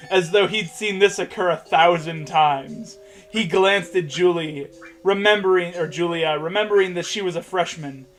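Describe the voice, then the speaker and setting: In a high-pitched, somewhat bright voice, this young co-host reads fan fiction aloud over a game. He's sarcastic and sweary, often stopping to crack jokes in his mocking commentary.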